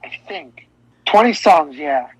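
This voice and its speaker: This male co-host has a voice on the high side with a breathy edge, speaking slowly yet in an animated way. He talks casually and eagerly about albums on a podcast, rambling and restarting sentences, and the audio is dull lo-fi.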